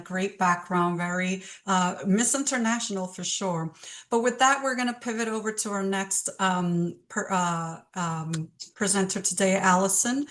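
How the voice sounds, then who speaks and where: Moderator: woman, mid-pitched and upbeat, introducing panelists over a video call. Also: a bit bright. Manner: upbeat, with fillers. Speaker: webinar moderator.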